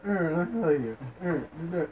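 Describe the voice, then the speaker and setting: Young man, pinched nose, swinging pitch. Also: very animated, fairly quick, darkish tone, poor audio. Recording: home camera with faint noise.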